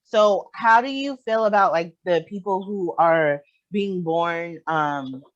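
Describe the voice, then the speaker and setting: A young podcast host asking long, rambling questions in a relaxed way, with many fillers. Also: medium pitch, slow pace. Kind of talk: casual podcast interview. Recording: dull lo-fi sound.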